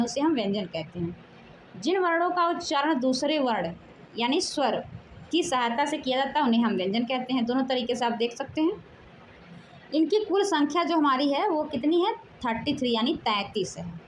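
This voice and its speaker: A woman's voice: sits high, lively intonation, slight background noise, rough recording. A woman teaching a Hindi grammar lesson, explaining step by step, stretching out sounds and asking questions that she answers herself. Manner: explanatory, drawn-out syllables, asks questions then answers.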